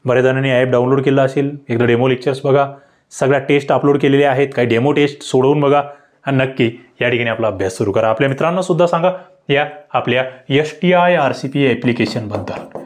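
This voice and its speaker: A man tutoring for government job exams, explaining grammar questions to viewers with rhetorical questions and sharp upward leaps in pitch on key words. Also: fast. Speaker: exam-prep tutor. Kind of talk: online grammar lesson.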